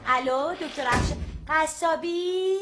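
High-voiced apologetic woman on the phone. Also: background noise. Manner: polite, apologetic and chatty. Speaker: radio presenter making phone calls. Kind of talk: comic phone sketch.

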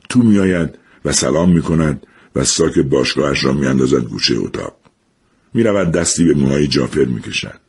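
A man reads a story aloud with a low, deep voice and a slightly husky grain. His delivery is measured and reflective, unhurried from line to line. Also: darkish tone. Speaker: narrator. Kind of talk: storybook narration.

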